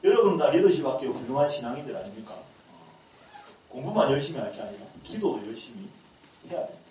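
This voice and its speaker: A man's voice: mid-range voice, very animated, fast talker, warm tone. A male pastor giving a humorous lecture to a class, acting out little dialogues as he teaches. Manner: humorous, acts out dialogue lines. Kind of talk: lecture to a leadership school class. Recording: echoey room, distant mic, faint noise.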